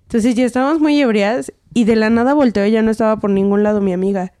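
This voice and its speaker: A woman's voice: a little high, fairly even intonation, fast talker, mellow. A young woman with a Mexican accent, telling a story in casual podcast chat, acting out quotes and laughing often.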